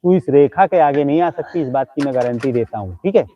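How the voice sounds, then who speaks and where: A man's voice: mid-range voice, animated, fairly quick, slight background noise. Man mock-scolding ghosts over tinny audio. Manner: mocking, scolding, teasing insults. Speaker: live-stream comedy host. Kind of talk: comic live stream talking to imagined ghosts.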